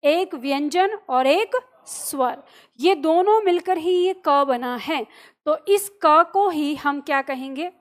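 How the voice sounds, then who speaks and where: A woman with a high voice teaches an online grammar lesson. She sounds letters out slowly, one at a time, checking that her listeners are following. She keeps putting questions to her students and then answering them herself. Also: lively intonation. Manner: checks in often with "ठीक है" and "सही है?". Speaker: Hindi teacher.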